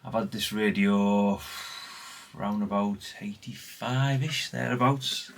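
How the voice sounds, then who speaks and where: Presenting old CB radio gear in a vlog, a man talks in a loose, rambling, unscripted way. He speaks slowly with a fairly low-pitched voice.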